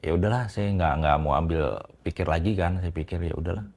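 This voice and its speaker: A man with a very low voice recounts a private story in a halting, casual way, stumbling over restarts and fillers. He talks mostly quietly as an interview guest, his tone growing louder when the story gets tense. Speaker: interviewee telling a personal story.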